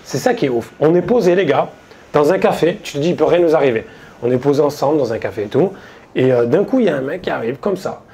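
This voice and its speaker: A man doing stand-up, telling a story in a casual, slangy way to a live audience, quoting his friends in quick asides. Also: a little high, expressive, warm tone. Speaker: stand-up comedian. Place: stage before a live audience.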